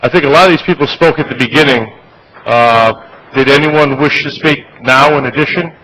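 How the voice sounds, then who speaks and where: A man's voice: medium pitch, a little fast, sharp tone, low-quality recording. American man chairing a meeting, background noise. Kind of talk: procedural meeting talk. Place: government meeting room.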